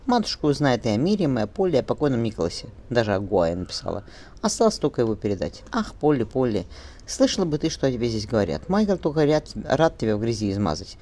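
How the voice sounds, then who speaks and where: A man's voice: medium pitch, big pitch swings, fast, darkish tone, close to an everyday voice. A man reading an audiobook and voicing a resolute young mother, firm and tender with her daughter, his voice raised somewhat. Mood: determined.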